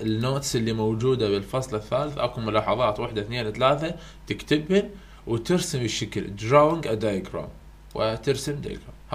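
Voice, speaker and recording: A university English tutor with an Iraqi Arabic accent walks through exam question types in a casual, repetitive exam-prep lesson, dropping English terms into his speech. His voice is mid-range.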